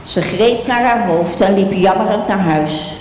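A reader delivers scripture slowly and deliberately, at a mid pitch. The voice rings in a large, echoing hall with a long reverb tail. A faint low rumble hums beneath it. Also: a little mellow. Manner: slow, measured reading. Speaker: Bible reader. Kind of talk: scripture reading.

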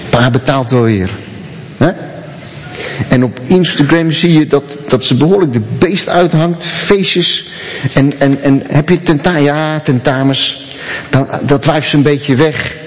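A man's voice: on the high side, a little mellow, long reverb tail. A man preaching a sermon, telling a story and talking directly to his listeners.

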